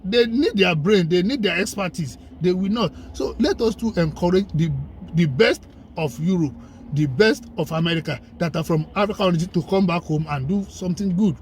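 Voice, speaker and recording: With slight background noise behind him, a man with a high-pitched voice speaks fairly quickly as a guest in a conversational discussion. Emphatic and persuasive, the commentator layers lists and rhetorical questions to make his argument.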